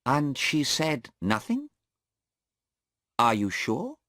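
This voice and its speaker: Man doing a sharp, pushy defense lawyer. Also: a little high, huge pitch swings, very slow, no room sound, clean studio sound, voice pushed up, exaggerated voice. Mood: pressing. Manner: pointed questioning, pushes hard.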